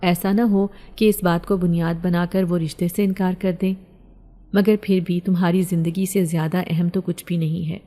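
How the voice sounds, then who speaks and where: This is a storybook reading. A protective middle-aged father talks things through with earnest worry, his voice low and mellow, as a woman storyteller reads his lines. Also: flat delivery, lightly acted. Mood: worried. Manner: earnest, concerned and reasoning. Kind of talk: storybook narration.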